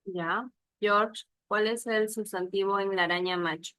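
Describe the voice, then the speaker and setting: A woman's voice: mid-range voice, fairly even intonation, unhurried, bright, forceful tone, dry recording, low-quality recording. A woman teaching an online class, patiently repeating examples and checking whether her students follow.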